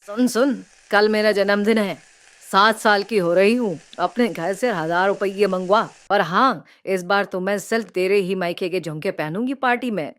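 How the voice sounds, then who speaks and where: A woman plays a greedy cartoon mother-in-law who nags and bosses her daughter-in-law around. Her voice is smooth and clear, recorded dry and close with no room sound. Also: mid-range voice, moderate pace, dry recording, natural voice. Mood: demanding. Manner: bossy, nagging, demanding. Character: greedy scheming middle-aged mother-in-law. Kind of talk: cartoon voice acting.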